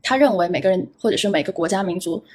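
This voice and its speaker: A woman's voice: on the low side, fast talker, a little mellow, husky. A woman hosting a podcast, telling a reflective personal story in a casual, self-deprecating way, often repeating words as she thinks. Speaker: podcast host.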